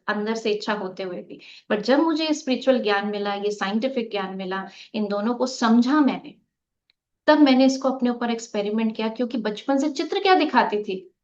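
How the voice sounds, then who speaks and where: Woman meditation teacher, fairly high voice, live online class over muffled video-call audio, rhetorical questions. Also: darkish tone. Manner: asks rhetorical questions and leads a group activity; mixes in English words.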